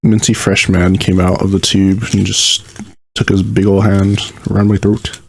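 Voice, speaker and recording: A man's voice: low voice, level tone, moderate pace, breathy edge. A man co-hosting a casual podcast, laid-back and dryly joking. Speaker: podcast co-host.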